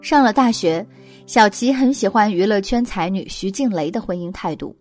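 A woman reading a scripted narration at a measured, even pace. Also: mid-range voice. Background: soft music.

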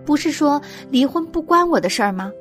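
A woman voicing a young woman who talks earnestly in first person about her parents' divorce, with soft music behind. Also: sits high, expressive, fairly quick, pitched above the performer's own voice. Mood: hurt.

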